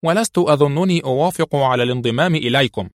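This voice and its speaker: A man's voice: on the high side, animated, fast talker, no echo, studio quality, pitched above the performer's own voice. A man voicing a haughty, defiant woman negotiator who speaks sternly.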